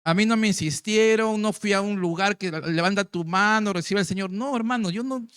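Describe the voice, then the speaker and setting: High-voiced man preaching a testimony. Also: a little fast, a bit bright, smooth, dry recording, clean studio sound. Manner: storytelling, acts out quoted voices. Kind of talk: sermon testimony.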